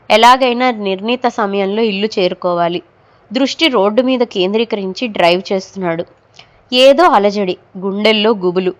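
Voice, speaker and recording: A woman narrating a horror audio story in a measured, dramatic storytelling manner. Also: mid-range voice.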